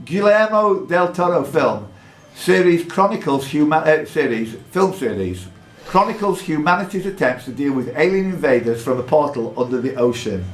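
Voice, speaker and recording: Inside a pub, a man on the high side of pitch hosts a live quiz at a normal speed, sounding animated. He reads questions in a formal way and fills the gaps with jokey chat, with the room echoing and music behind him.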